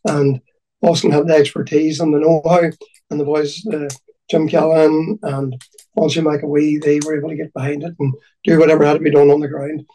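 Higher-voiced Donegal Irish man, halting delivery. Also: little pitch movement, dark tone, recorded from a distance, low-quality recording. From County Donegal, Ireland. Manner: halting, repeats words. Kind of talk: reminiscing conversational tribute.

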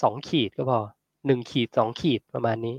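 A man hosting a casual livestream, chatting and answering viewer comments in a relaxed, friendly way. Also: medium pitch, brisk, vocal fry, husky, dry recording, highs cut off. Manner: relaxed, chatty, ends phrases with polite particles. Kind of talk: casual livestream talk on health.

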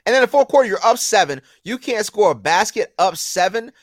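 A man's voice: sits high, a little fast, dry recording, studio quality. A man co-hosting a sports talk show, ranting with disbelief in a heated debate. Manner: incredulous, ranting, animated.

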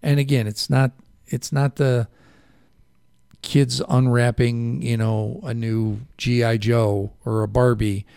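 Brief: male radio host, gravelly tone, dry studio sound, rambling, self-correcting delivery. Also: mid-range voice, flat delivery, slow, darkish tone, no echo. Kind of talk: local radio interview. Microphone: studio microphone.

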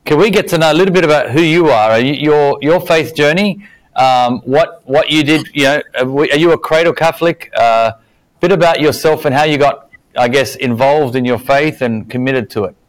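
A man's voice: fairly high pitch, low-quality recording. A man hosting a podcast interview who sounds upbeat and welcoming as he introduces and questions his guest. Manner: upbeat and welcoming, quick to praise. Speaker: podcast host. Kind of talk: casual interview.

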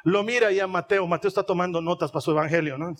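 A male pastor, preaching a sermon in an animated, humorous way, acting out little scenes. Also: sits high, quick pace.

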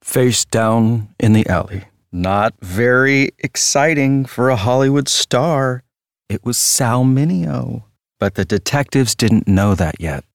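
In an audio drama, an actor voices a male walking tour guide, a flippant showman with a taste for the macabre. His voice is medium-pitched and gravelly, and he draws out each phrase in a wry, theatrical storytelling style. The recording is completely dry with no echo or room sound, and the mood feels dry and ominous.

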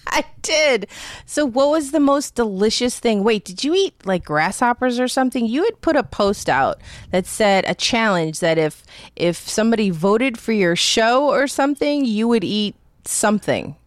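A woman's voice: fairly high pitch, animated, moderate pace, no echo, clean studio sound. A woman co-hosting a podcast in casual chat, upbeat and laughing often. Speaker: podcast co-host.

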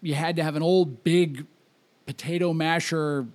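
A man's voice: a little high, steady tone, a little slow, darkish tone. A man hosting a casual podcast, talkative, leading the conversation and telling anecdotes. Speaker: podcast host.

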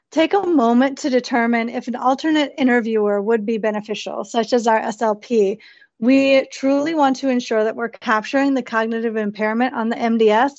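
Higher-pitched female podcast host, dull sound. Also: a little mellow, no room sound. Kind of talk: scripted educational podcast interview.

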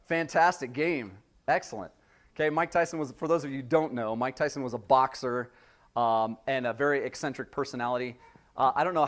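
Conversational man preaching a sermon. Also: a little high. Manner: conversational preaching, frequent rhetorical "right?". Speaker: pastor. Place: church sanctuary before a congregation.

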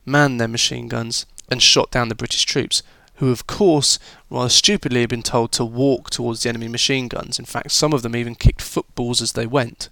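Man, history teacher, informal chatty delivery, average pitch, dry close sound. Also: fairly even intonation, moderate pace, vocal fry, few pauses, bright, forceful tone, dry recording. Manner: chatty and informal, with filler words and restarts. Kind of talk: recorded history lesson for students.

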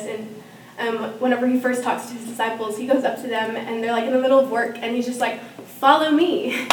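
A young woman, a student, telling her personal faith story in a casual way, with many ums and likes. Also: on the high side. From Norman, Oklahoma. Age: young adult. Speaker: student giving testimony. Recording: echoey room, from far off, faint hiss.

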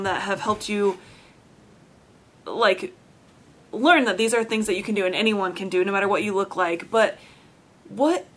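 A woman with a mid-pitched voice chats as a podcast host. Her delivery is informal and loosely rambling, like easy conversation with a guest. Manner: informal, rambling, frequent "like" and "you know". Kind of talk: casual interview chat.

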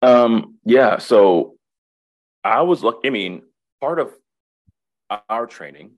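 A counselor appearing as a guest in a casual webinar conversation speaks slowly but animatedly in a medium-pitched voice. He's reflective, often restarting and repeating himself as he thinks.

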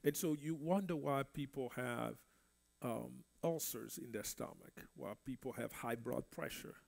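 A minister originally from the Congo, French being his native language, teaches Bible study at a church. He has a mid-range voice that is gravelly yet a little mellow, and his pace is measured. He preaches conversationally, repeating words.

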